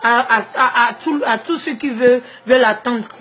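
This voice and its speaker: A woman from Togo with a Togolese French accent, talking straight to her followers in an emphatic, confrontational rant that swings between shouting and soft asides. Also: fairly high pitch, moderate pace, faint music behind. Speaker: social media vlogger. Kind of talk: direct-to-camera personal rant.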